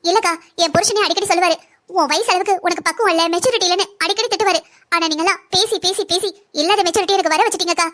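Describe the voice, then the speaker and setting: A woman's voice: extremely high pitch, very fast, fairly bright tone. A woman voicing a young wife and mother, a doctor, in a family cartoon drama, pleading yet defiant.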